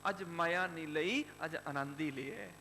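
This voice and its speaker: An earnest, tender-hearted young boy , as a preacher acts him out in a sermon, speaking with pleading emphasis. The voice is high and bright and rings in a large reverberant hall. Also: normal speed. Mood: joyful. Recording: hall reverb, faint hum.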